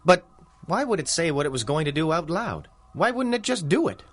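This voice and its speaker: A man with a fairly high voice speaks fairly quickly and with great animation, in a pondering mood. He's an actor in a 1930s-style radio serial, playing an arrogant, scornful criminal mastermind with a pompous, wordy, theatrical delivery.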